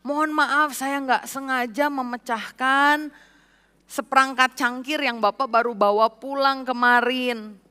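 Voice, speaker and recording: A woman's voice: high-pitched, fairly even intonation, a little slow, pushed and bright, smooth, long reverb tail. A woman preacher voicing a flustered young female housemaid begging forgiveness. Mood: pleading. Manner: pleading, apologetic.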